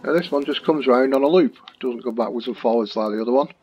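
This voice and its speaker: Husky man commenting on gameplay. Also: medium pitch, fast, muffled recording. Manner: chatty, jokey, relaxed. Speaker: gaming channel host. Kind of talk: casual game commentary.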